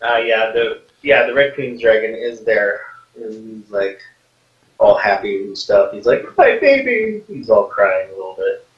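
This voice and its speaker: A man's voice: lowish voice, level tone, measured pace. A man narrating as game master in a tabletop game, casual and laughing often, jumping into character voices. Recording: lo-fi echoey mic from a distance.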